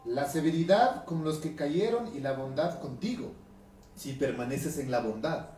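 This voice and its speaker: Male Ecuadorian pastor, highland accent, conversational sermon, somewhat high voice, recorded off-mic in a reverberant hall. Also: a little slow, dark tone, slight background noise. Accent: Ecuadorian highland Spanish. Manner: conversational preaching, reading scripture aloud, frequent tag questions. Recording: echoey room from a distance, music behind.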